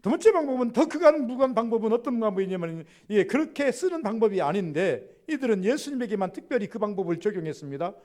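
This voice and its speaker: High-voiced pastor preaching a sermon. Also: male voice, animated, fast talker, few pauses. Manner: asks the congregation questions and answers them himself; acts out quoted speech with strong rises and drops in loudness.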